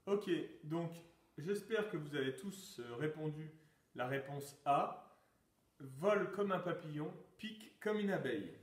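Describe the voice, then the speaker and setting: A sports teacher with a slightly high, animated voice runs a quiz and exercise session at a somewhat slow pace. He reads out the answer choices and shouts "top!" to kick off each exercise. The room echoes and the mic is far off.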